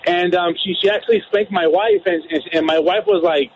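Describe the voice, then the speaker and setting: A man's voice: sits high, steady tone, brisk, slight background noise. A man calling in to a talk show, rambling in a casual way with lots of filler words over a phone line. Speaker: caller. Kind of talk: casual chat. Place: on a phone call.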